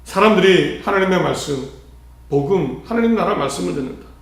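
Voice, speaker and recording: A man's voice: high-pitched, expressive, brisk, gravelly. A male pastor delivering an earnest sermon, asking rhetorical questions and shifting his emphasis often. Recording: heavy church reverb.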